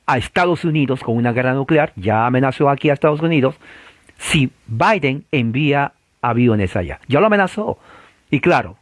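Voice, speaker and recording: Fiery preacher, dry close sound. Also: male voice, dry recording. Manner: provocative, rhetorical questions, swings from loud to low. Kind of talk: sermon.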